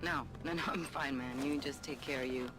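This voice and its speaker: A blunt low-voiced hacker contact. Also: female voice, steady tone, fairly quick. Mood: wry. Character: tough female hacker contact, blunt and brisk. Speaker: game character. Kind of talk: video game voice acting. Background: game music.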